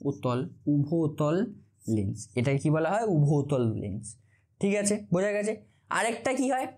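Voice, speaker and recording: A man's voice: high voice, darkish tone. A male physics tutor giving an informal classroom lecture. He asks the same question again and again, answers it himself, and stumbles over technical terms.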